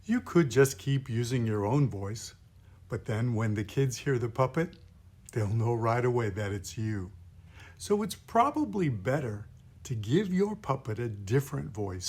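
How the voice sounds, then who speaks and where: A man teaching in an instructional video, taking it slowly and patiently as he explains each step. His voice sits at an ordinary middle pitch. He is a pastor showing kids' workers how to do puppetry. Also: darkish tone, breathy edge.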